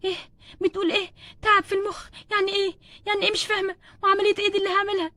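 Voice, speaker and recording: A woman's voice: very high-pitched, level tone, racing, bright, forceful tone, dry recording. A woman voicing a frightened, sick young wife and mother doll, with an Egyptian accent and anxious, pleading questions. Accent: Egyptian Arabic. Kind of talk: doll play storytelling.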